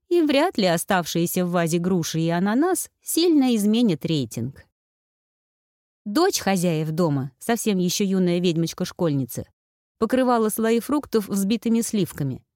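A woman narrates a fantasy novel in a steady, even storytelling manner. Her voice sits on the low side for a woman, and it is recorded close and dry, with no room echo. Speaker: audiobook narrator. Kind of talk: scripted narration.

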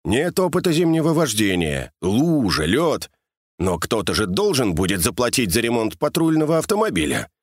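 A man's voice: mid-range voice, sing-song, moderate pace, husky, dry recording, studio quality. A man voicing a sly, experienced traffic police sergeant in his mid-thirties who talks sternly and then with mock sympathy. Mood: mock-sympathetic.

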